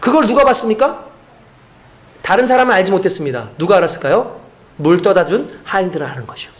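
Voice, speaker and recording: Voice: mid-range voice, big pitch swings, fast talker. A pastor preaching a sermon in a conversational, storytelling way, with frequent rhetorical questions to the congregation.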